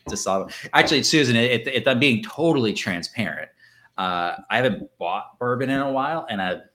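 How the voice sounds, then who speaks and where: Lively, bright-voiced joking man host. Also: medium pitch, a little fast. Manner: chatty, jokey and animated, often laughing. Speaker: podcast co-host. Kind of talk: casual live Q&A chat over drinks. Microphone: livestream setup.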